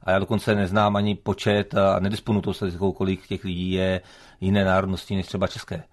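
Deep, flat-voiced man in formal debate. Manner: formal, hesitant, even delivery. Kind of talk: studio debate.

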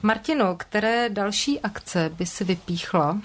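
A woman hosting a radio show, asking short, brisk questions in a mid-range voice. A faint hum of noise sits under her voice. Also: medium pitch, expressive. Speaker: radio host. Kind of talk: radio interview.

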